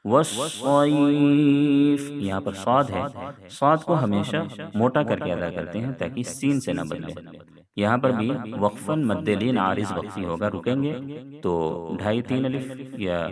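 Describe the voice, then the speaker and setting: Man teaching tajweed over crowd noise. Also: on the low side. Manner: explains rules calmly, then chants verses slowly. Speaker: Quran recitation teacher. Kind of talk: step-by-step tajweed lesson.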